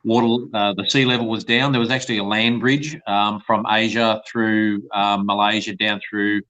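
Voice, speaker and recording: Man heard over a lo-fi conference call, bright tense voice, explains at length with lots of ums. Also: on the low side, level tone, normal speed. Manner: long explanations, frequent uh and um. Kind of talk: casual chat. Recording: dull lo-fi call audio.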